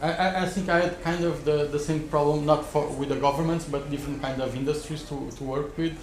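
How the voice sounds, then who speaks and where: Male panelist, off-the-cuff advice, halting delivery with many restarts, echoey room sound. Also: fairly high pitch, fairly even intonation, a little mellow. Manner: halting, repeats words as he rethinks. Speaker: expert panelist advising startups. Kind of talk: spontaneous advice at a live panel. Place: wood-panelled conference room.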